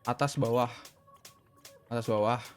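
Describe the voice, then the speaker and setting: A man's voice: medium pitch, steady tone, moderate pace. Indonesian guy joking around while gaming, mid voice, faint game music. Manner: joking, laughing, loud. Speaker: gameplay streamer. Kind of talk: casual gameplay commentary.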